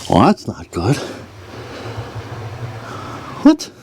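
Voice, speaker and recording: Slow-talking grumbling man working on an engine. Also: medium pitch, huge pitch swings, a little mellow. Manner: grumbling, wry, talks to himself while working. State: strained from working in a cramped spot. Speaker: DIY mechanic vlogger. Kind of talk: casual workshop narration. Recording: noisy workshop recording.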